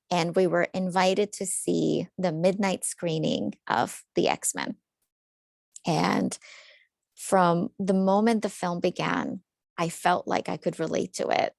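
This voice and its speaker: A woman's voice: on the low side, gravelly, darkish tone, no room sound. A woman in her thirties, from Ukraine, giving a webinar talk as a psychologist, telling her story earnestly with light jokes. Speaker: psychologist presenter.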